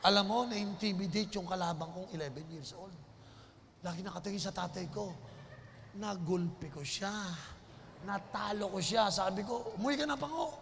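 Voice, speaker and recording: A man preaching an animated storytelling sermon, with a high, bright voice. He drops to quiet asides and rises to shouts, laughing along the way. The hall gives a long reverb with faint noise behind. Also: normal speed, gravelly. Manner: animated, swings from soft to shouting, laughs, mixes in English phrases. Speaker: bishop, preacher.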